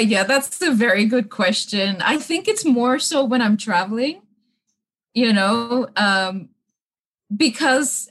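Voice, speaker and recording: A woman's voice: mid-range voice, fairly bright tone. A young woman with a mixed, hard-to-place accent, chatting casually as an interview guest, laughing often and using many fillers. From Middle East (Kuwait). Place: bungalow room with books at her parents' home.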